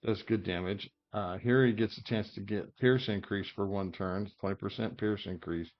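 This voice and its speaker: A man's voice: on the low side, fairly even intonation, normal speed, lo-fi sound. A man talking casually through character builds in a game, thinking aloud with lots of fillers and hiccups. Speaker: game guide creator. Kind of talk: casual gameplay commentary.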